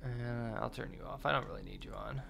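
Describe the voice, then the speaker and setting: A man's voice: medium pitch, wildly swooping pitch, a little fast, vocal fry, background noise. A man doing casual horror game commentary, muttering asides to himself and to the game and swearing now and then.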